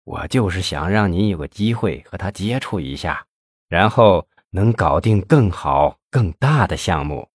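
A man's voice: on the low side, normal speed, no room sound, studio quality, natural voice. Man doing a glib, hearty businessman. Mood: smooth. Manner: hearty, smooth-talking, flattering. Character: scheming middle-aged male official-businessman, glib and boastful.

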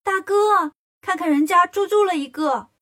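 A woman's voice: high voice, animated, fairly quick, fairly bright tone. A woman voicing a boastful male elephant demon in a storybook reading.

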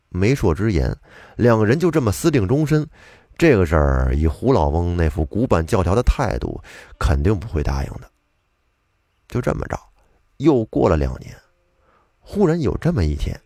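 A man's voice: lowish voice, mellow, no room sound, clean studio sound. A man telling an old tale of spirits in a chatty, colloquial way, with asides to the listener. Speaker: storyteller. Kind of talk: casual storytelling of old tales.

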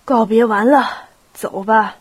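Gruff old nobleman, curt and commanding, read by a woman with a cold and a husky higher voice. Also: takes it slowly. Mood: shouting. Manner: curt, clipped commands, bursts into shouting. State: has a cold. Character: stern, abrupt elderly male prince.

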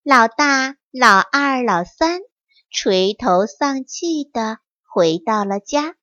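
A woman telling a bedtime story to a child, gentle and expressive. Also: on the high side, slow, no room sound. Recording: dry, slightly muffled.

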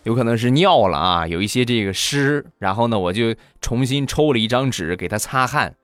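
A man in his thirties telling comic stories about his life and family, lively and given to putting on squeaky voices for other people. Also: brisk, no echo. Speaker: comedy storyteller host. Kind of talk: comic storytelling monologue.

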